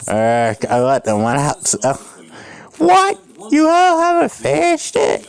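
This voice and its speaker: This young man has a very high, gravelly voice whose pitch swoops wildly, and he takes his time. Reading fanfic aloud for fun, he trips over the text and stops now and then to joke around and curse.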